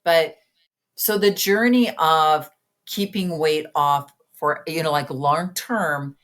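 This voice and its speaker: A woman in her late fifties with a low voice talks as a guest coach on a podcast. She is chatty and earnest and speaks in quick, loose bursts. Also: a bit bright. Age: 50s. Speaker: guest, weight-loss coach. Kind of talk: casual podcast conversation.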